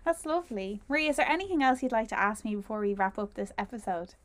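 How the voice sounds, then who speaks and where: Casting: woman, mid-pitched voice, podcast host, informal, encouraging, casual conversational delivery. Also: fast. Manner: informal, encouraging, frequent agreeing. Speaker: podcast host, trainee teacher. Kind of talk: casual interview.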